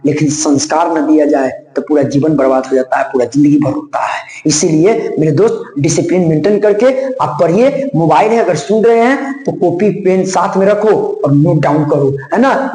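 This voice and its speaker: A high-voiced man teaching a grammar lesson, pausing to lecture his students on discipline and hard work. He keeps checking in with tag questions and calls the listener his friend. The room around him rings with a noticeable echo. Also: darkish tone. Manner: preachy, addresses listeners as friend, frequent "है ना" tag. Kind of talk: classroom-style lesson explanation. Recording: roomy echo.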